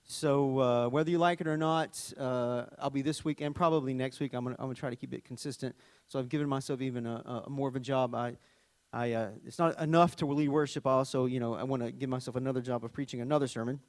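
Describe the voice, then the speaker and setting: A mid-range male voice, a little fast and recorded in a clean studio with no room sound, comes from a middle-aged worship leader from Arkansas. With his Southern US accent, he preaches conversationally, reading scripture, chatting, joking on the side, and telling animated stories.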